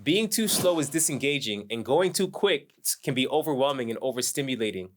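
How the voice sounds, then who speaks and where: Laid-back hip-hop artist teaching. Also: male voice, medium pitch, lively intonation, brisk. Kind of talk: instructional masterclass talk.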